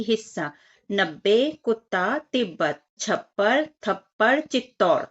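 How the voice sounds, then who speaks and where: Female teacher, higher pitch, patient word-by-word reading for young pupils; dull lo-fi sound. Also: a bit bright. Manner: reads words slowly one by one, addresses children directly. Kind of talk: workbook lesson for children.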